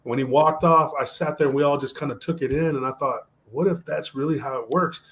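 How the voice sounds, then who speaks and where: A man telling a story on a podcast in a casual, animated way, mixing Spanish slang into his talk. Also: on the high side, fairly quick. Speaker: podcast guest.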